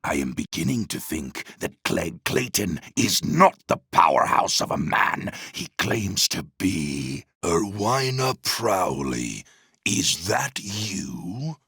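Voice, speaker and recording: An actor playing a ruthless, megalomaniac general in a video game, with a gravelly, forceful voice and a pompous, contemptuous, theatrical delivery. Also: male voice, deep voice, sing-song, takes it slowly, exaggerated voice. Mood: cold menace. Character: ruthless megalomaniac male general, villain scornful of humanity. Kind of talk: dramatic video game villain acting.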